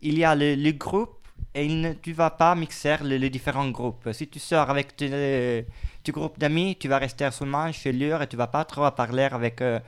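Italian man with a smooth voice. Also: medium pitch, steady tone, moderate pace. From Italy. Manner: searching for words, self-correcting. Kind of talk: casual conversation.

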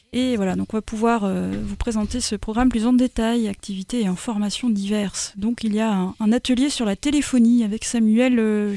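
A woman's voice: fairly high pitch, warm tone, no echo. Hesitant woman radio host. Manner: hesitant, many filler pauses. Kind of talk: community radio talk show.

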